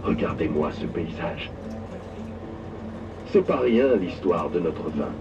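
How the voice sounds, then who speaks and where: A proud older miner and winemaker guiding visitors, telling the story with lively, swooping intonation. He is heard through a dull loudspeaker from some distance away, with loud engine noise all around. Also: low voice, takes it slowly, heavily acted. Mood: enthusiastic. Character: older male former miner and winemaker, proud local guide. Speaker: audio guide narrator. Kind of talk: scripted narration. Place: open tourist train outdoors. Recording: muffled loudspeaker on a moving tourist train, heard from afar with loud engine noise. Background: vehicle engine and outdoor ambience.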